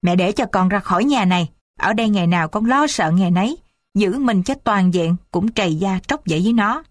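A woman's voice: medium pitch, lively intonation, a little fast, no room sound, studio quality, lightly acted. A woman voicing a resentful young daughter. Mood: upset. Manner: upset, insistent.

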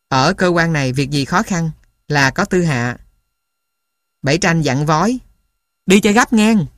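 A man reading a memoir aloud as a steady storyteller. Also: fairly high pitch, no room sound, studio quality. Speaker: narrator.

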